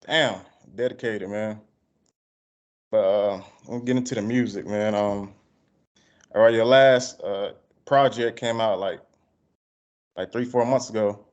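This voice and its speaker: A man's voice: on the low side, fairly even intonation, a little slow, long pauses, darkish tone. A man with a country Southern drawl from Georgia conducts a casual interview. His speech is loose and slangy, and the audio is dull and lo-fi. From Georgia, United States.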